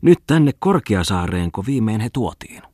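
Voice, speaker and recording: A man's voice: fairly low pitch, very animated, warm tone, husky, no room sound, studio quality, pitched above the performer's own voice. A male audiobook reader voicing a pompous young poet who declaims satirical rhymed verse. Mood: declaiming.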